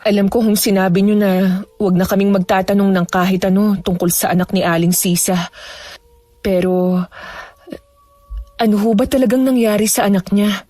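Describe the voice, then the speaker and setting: A woman's voice: medium pitch, fairly even intonation, moderate pace, long pauses, mellow, dry recording, close to an everyday voice. A woman voicing a polite, bewildered young woman who asks anxious questions in a horror audio story. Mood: uneasy.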